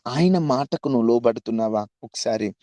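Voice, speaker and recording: A man's voice: mid-range voice, normal speed, dark tone, no room sound. A man preaching an impassioned sermon to an online youth meeting, pleading and repeating questions to his listeners.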